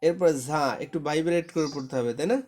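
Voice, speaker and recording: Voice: medium pitch, a little fast, a little mellow. A Quran reading teacher in a live class, patiently repeating each syllable for a student to echo back. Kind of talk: live online class, drilling letter sounds.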